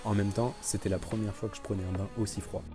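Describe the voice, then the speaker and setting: A man's voice: fairly low pitch, flat delivery, fast talker. A man narrating his own experience in a casual, conversational voice-over. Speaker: vlogger. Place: voice-over recorded separately. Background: guitar music.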